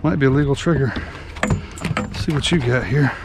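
Speaking at a moderate pace in a medium pitch, a fishing guide and channel host offers casual, excited commentary from an open boat at sea as fish bite and he reels them in. An action camera on the boat picks up his voice along with the engine and the water.

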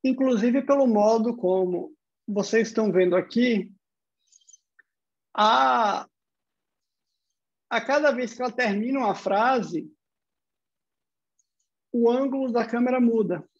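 A man with a Brazilian Portuguese accent gives an online university lecture, explaining step by step and posing rhetorical questions. His voice is very high and he takes it slowly, with long pauses, and the sound is lo-fi.

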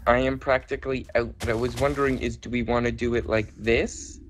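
A man with a mid-range voice who talks through his building plans in earnest while playing a game. He keeps his tone steady and sincere, even while his friends joke around him. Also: medium pitch, fairly quick, slight background noise. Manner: earnest, planning aloud. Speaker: game player. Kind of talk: casual gameplay banter.

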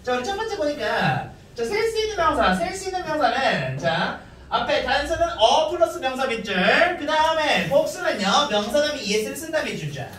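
A man with a very high, bright voice lectures on grammar to students. He keeps asking rhetorical questions and repeating key points. He sounds far from the mic in a strongly echoing room. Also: big pitch swings, brisk. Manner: repetitive, quizzing students, many rhetorical questions. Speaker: middle school English teacher.

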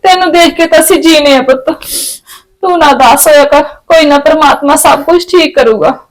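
A woman's voice: sits high, moderate pace, low-quality recording. A middle-aged woman playing a worried mother who soothes and pleads with her family. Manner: soothing, pleading, tearful at times. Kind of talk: family short film acting.

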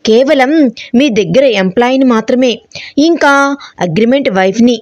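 A woman's voice: on the high side, animated, normal speed, a little mellow, dull audio, lightly acted. A woman voicing Kasturi, a proud hurt young woman. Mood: indignant. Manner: sarcastic, indignant retorts.

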